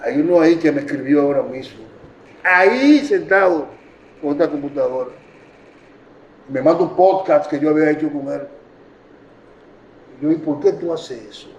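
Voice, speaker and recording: A man with a Dominican Spanish accent giving an emotional public talk to journalists, telling stories in quick, impassioned bursts. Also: a little high, a little hiss or hum. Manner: impassioned, storytelling, rapid bursts. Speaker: speaker addressing journalists. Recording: echoey room from far off, dull sound.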